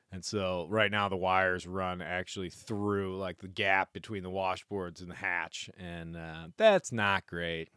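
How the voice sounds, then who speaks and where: Low-voiced man with a phlegmy, chesty sound. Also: fairly bright tone, dry recording, studio quality. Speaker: solo sailor, vlogger. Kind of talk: casual reflective vlog monologue.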